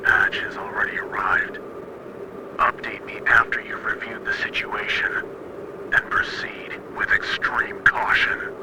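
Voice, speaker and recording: A man's voice: lowish voice, steady tone, measured pace. A man playing a stern military commander who gives clipped, formal orders over a crackling walkie-talkie radio. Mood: commanding. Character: stern male military commander briefing a soldier. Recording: heavy radio static.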